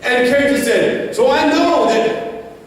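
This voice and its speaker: A man's voice: very high-pitched, a little slow. A middle-aged man preaching a sermon as pastor, mixing humor and call-and-response lines from the pulpit. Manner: humorous, joking asides between preaching. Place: church sanctuary. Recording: echoey hall from far off, noisy.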